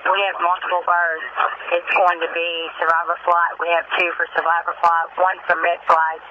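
Flat, higher-pitched male police radio dispatcher. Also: moderate pace, a little hiss or hum. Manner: businesslike, terse reporting. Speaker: emergency dispatcher. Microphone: two-way radio. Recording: muffled, lightly humming emergency scanner radio.

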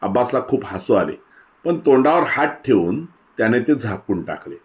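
A man narrating a literary short story in a measured, descriptive way. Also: mid-range voice, sing-song, darkish tone. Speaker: story reader.

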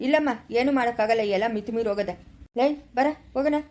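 A woman's voice: fairly high pitch, quick pace, darkish tone, lightly acted. A woman playing a stern, dismissive male village healer, speaking blunt in an amateur village drama. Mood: grim. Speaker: village pandit in a home-made drama.

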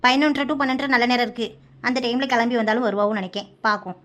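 A woman voicing a bright chatty cartoon mother. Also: a little high, close to an everyday voice. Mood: reassuring. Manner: quick, chatty reassurance. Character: middle-aged mother, cheerful and reassuring.

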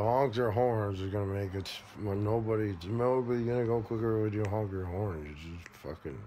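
Half asleep on a bed or couch indoors, a forty-something man from Michigan mumbles a rambling monologue in a drowsy Midwestern drawl, halting and swearing casually. His voice is low-pitched and warm. Another person records him on a phone held close, and the audio is noisy.

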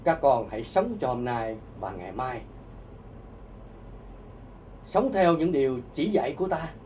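A man voicing a solemn, commanding male deity who speaks slowly and gravely to his followers. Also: mid-range voice, very animated, darkish tone, distant mic, slight background noise. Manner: slow, grave and measured.

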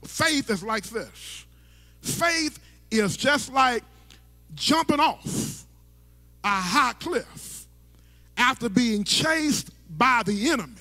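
Holding a mic on a church stage, a middle-aged pastor delivers his sermon in a very high-pitched, bright, forceful voice. The phrasing rolls in a sing-song rhythm, he stammers and restarts, and the hall's reverb lingers long.

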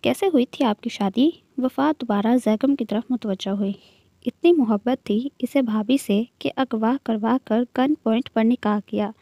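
A woman reads a novel aloud in a steady storytelling voice. Her voice is mellow and a little higher than most women's. The recording is dry and close. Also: unhurried, no echo. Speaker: narrator. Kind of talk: novel reading.

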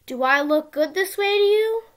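A girl of about ten, with a high, childlike voice, hosts a video channel and reads a picture book aloud to little kids from a small room at home. She reads at normal speed in an expressive, sing-song storytime style.

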